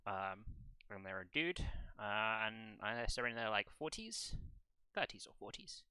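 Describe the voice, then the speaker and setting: Bright, crisp-voiced man running a tabletop game. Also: lowish voice, animated, no room sound. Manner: halting, hesitant narration with many ums. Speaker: game master.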